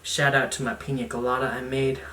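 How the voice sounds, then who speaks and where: A man's voice: mid-range voice, level tone, brisk. A young man vlogging casually at home, chatty and self-mocking, with jokey asides as he unpacks gear. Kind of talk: casual unboxing vlog. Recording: roomy, distant camera mic, noisy.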